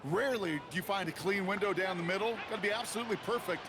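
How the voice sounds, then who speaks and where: A man with an American accent voices a seasoned football color commentator in a video game, sounding analytical, explanatory and emphatic. His voice is high and rapid-fire, lightly acted, with loud music behind it in noisy game audio.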